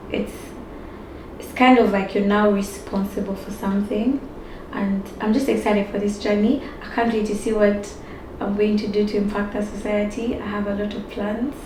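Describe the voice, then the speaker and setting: Young woman from uganda, relaxed interview guest, echoey room, steady noise. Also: mid-range voice, moderate pace. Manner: relaxed, upbeat, uses like often. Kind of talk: casual interview talk.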